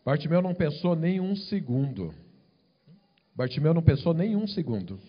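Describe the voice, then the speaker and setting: A man preaching a sermon in short phrases, pausing after each one so an interpreter can repeat it. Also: fairly high pitch, lively intonation, slightly rough. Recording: dull lo-fi sound.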